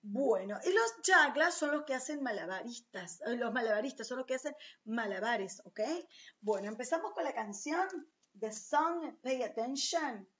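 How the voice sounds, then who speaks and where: A woman teaching English to children, slowly and patiently repeating and translating each word. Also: fairly high pitch, lively intonation, a bit bright, lo-fi sound. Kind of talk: recorded online class for children.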